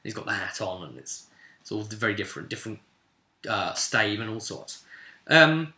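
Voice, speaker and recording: A game master recaps a roleplay session as casual storytelling in a noticeably echoey room. His lowish voice is very bright and forceful, with lively intonation and a moderate pace. He rambles, hits key words hard, and slips into quoted remarks along the way.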